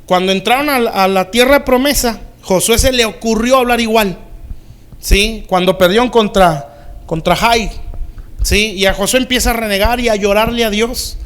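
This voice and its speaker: A man with a high-pitched voice delivers a sermon as pastor. He preaches in plain, everyday words and keeps pausing to ask the congregation whether they follow. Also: a bit bright.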